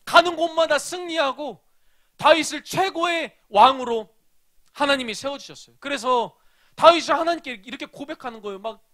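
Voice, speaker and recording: A man preaching a children's sermon as a pastor, telling a story and asking the children questions, moving between loud emphasis and hushed asides. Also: extremely high pitch, normal speed.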